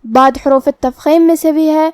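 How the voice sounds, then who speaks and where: A woman with a high, clear voice teaches Quran recitation rules and explains each letter's pronunciation step by step. The recording is dry and close, with no room sound. Her delivery is patient and careful, like a teacher's. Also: steady tone, a little mellow, no echo. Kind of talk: tajweed lesson with slow recitation.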